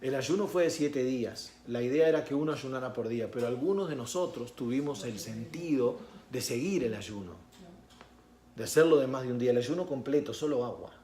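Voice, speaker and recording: A male pastor preaching a sermon, telling a story that swings between hushed and loud. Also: mid-range voice, a little fast, echoey room, slight background noise. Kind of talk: sermon with personal testimony.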